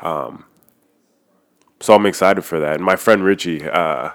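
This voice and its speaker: Very deep-voiced man, casual and candid. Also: unhurried, fairly bright tone. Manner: loose and candid, heavy use of "like", swears freely. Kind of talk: casual personal chat.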